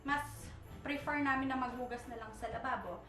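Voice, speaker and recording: Her voice high, a bit bright, and a little fast, a young woman vlogs a casual night tour of her apartment. She rambles and gropes for words, mixing in English, while the echoey room, off-mic distance, and faint music color the sound.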